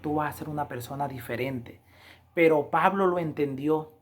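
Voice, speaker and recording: A woman preaching a Bible lesson review, with emphatic, repetitive appeals to her listeners, slowing down to read scripture. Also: low voice. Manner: slows down to read scripture aloud. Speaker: Adventist Bible lesson teacher.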